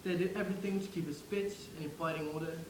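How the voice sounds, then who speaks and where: In this theatrical monologue, a man takes on the role of a young English WWI soldier's ghost, wry and wistful, chatting directly to whoever is listening. His natural voice sits on the high side, keeps a steady tone and moves fast. The recording is reverberant, with noise behind him.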